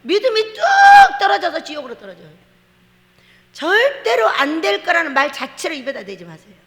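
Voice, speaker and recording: A woman pastor preaching a lively sermon, telling stories with laughter and acting out quotes in a church. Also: high-pitched, a little fast. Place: church sanctuary. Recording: long hall reverb.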